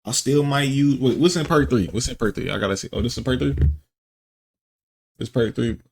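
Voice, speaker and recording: A man's voice: mid-range voice, fairly quick, gravelly, darkish tone, slightly rough. A man giving casual, off-the-cuff gaming reactions in slangy, repetitive, stop-and-start phrases.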